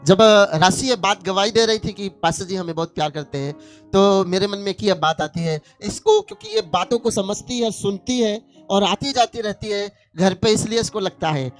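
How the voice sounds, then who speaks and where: A man's voice: sits high, expressive, normal speed, soft background music. A male pastor preaching a sermon and urging his congregation on with rhythmic, repeated calls.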